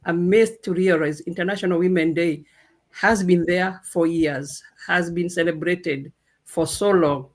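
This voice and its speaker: Unhurried woman from Kenya telling a story. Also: lowish voice, steady tone. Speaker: guest speaker. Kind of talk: casual panel talk.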